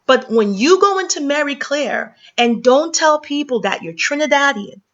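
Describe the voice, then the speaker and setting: A woman's voice: high-pitched, expressive, normal speed. Impassioned woman commentator, lo-fi sound. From Caribbean. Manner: impassioned, lecturing, many fillers. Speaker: commentary vlogger. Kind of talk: opinion commentary video. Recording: dull lo-fi sound.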